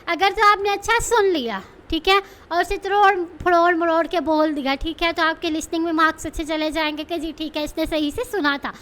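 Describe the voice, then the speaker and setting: A woman with a very high-pitched voice teaches in a casual, chatty way. She keeps checking in with her viewers and asks herself questions before answering them. She slips English terms into her explanations. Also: a bit bright. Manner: explains with many rhetorical questions and check-ins; mixes English terms into Urdu speech. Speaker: English test tutor.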